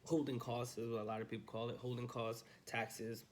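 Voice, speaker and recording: A man's voice: medium pitch, flat delivery, brisk, a little mellow, slight background noise. A young man, a realtor, talking casually and upbeat in a morning vlog from his study at home, filming handheld. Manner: chatty, loose and upbeat, lots of fillers. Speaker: realtor vlogger. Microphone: handheld phone camera.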